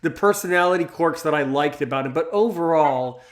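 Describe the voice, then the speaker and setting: A man's voice: on the high side, a little fast. A man in his thirties interviewing a guest, agreeing eagerly and stammering through many restarts. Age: 30s. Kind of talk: casual interview talk.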